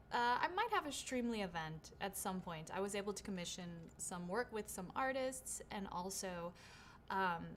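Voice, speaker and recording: Fairly bright in tone and medium in pitch, this woman's voice carries a little hiss or hum. She's a voice actor whose first language is English, hosting her own livestream Q&A with a shotgun studio mic, reading viewer questions and answering upbeat and chatty, with many "right?"s and "um"s.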